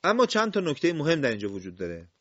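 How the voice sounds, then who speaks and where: A man's voice: a little high, wildly swooping pitch, a bit bright, no echo. A man teaching a spoken lesson on Quran recitation. He explains step by step, quizzes the listener and draws out the example words. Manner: explains step by step, quizzes the listener with questions, praises with "well done". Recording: dull, dry, lo-fi sound.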